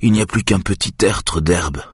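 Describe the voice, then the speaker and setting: A man's voice: low-pitched, normal speed, breathy edge, dry recording, clean studio sound. A man voicing a tormented guilty patient. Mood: dazed.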